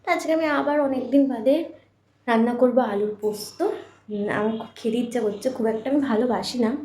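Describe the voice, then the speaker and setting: Fast-talking woman vlogging at home. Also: a little high, a little hiss or hum. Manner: chatty, talks softly while the baby sleeps. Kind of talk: casual home vlog. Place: home kitchen.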